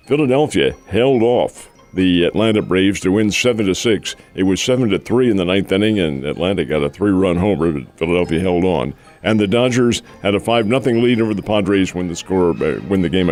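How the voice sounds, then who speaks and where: A man's voice: deep voice, darkish tone. An older man co-hosting a sports radio show, giving folksy rundowns of games and calling listeners "folks". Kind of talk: casual sports radio chat.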